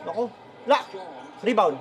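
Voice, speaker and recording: A man reacts live to a basketball game as a fan, shouting at players and laughing at the plays. His voice sits very high and bright, with a lively pitch that swoops up and down. Now and then his calls break into swearing. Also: measured pace.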